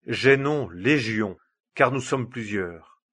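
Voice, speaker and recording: A tormented man full of unclean spirits begs loudly not to be tormented, as a male reader voices him. The voice is husky and a little raised. It is a plain scripture reading with only a slight turn of voice. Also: mid-range voice, lively intonation, takes it slowly. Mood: pleading. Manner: pleading loudly. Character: possessed man ruled by a legion of unclean spirits.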